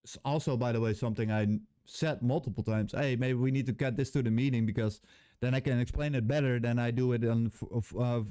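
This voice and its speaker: In a medium-pitched, darkish, clear, resonant voice, a man with a Dutch accent delivers a blunt, angry rant to camera in English, his second language. Formerly a game level designer and now a vlogger, he swears freely and searches for words; the recording is dry and clean, studio quality.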